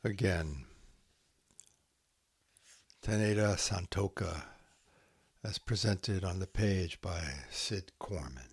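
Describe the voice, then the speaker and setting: A podcast host reads spare haiku extremely slowly and deliberately, placing each short phrase with care in a fairly low, husky voice. The sound is close and dry, with no room sound.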